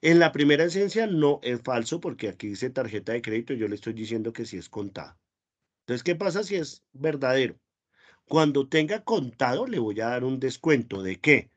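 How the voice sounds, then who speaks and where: A man's voice: mid-range voice, very animated, normal speed. A man teaching a spreadsheet class online, patient and repetitive, often praising questions.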